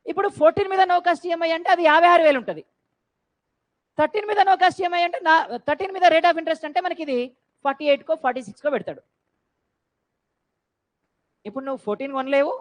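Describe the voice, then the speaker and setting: A woman teaching a class, quizzing students and urging them to answer loudly. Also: sits high, low-quality recording. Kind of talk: classroom lecture.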